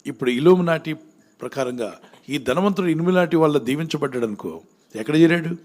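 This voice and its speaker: Give me a man with a slightly high voice, preaching and asking the crowd to call out answers. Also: fairly quick. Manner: asks the crowd questions and presses them to answer louder. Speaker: pastor. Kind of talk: sermon with call-and-response questions to the congregation.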